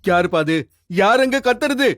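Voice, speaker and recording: An actor playing a grumpy, wealthy old grandfather who shouts gruff complaints from his hospital bed in a dubbed drama. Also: very high voice, lively intonation, moderate pace, no room sound, soft background music. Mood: angry. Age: older.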